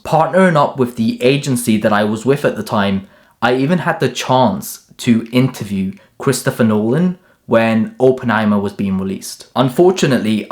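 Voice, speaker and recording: Direct motivational young man. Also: fairly low pitch. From Turkey, raised in England. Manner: direct, motivational, short punchy lists. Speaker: self-improvement creator. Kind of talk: scripted self-help monologue.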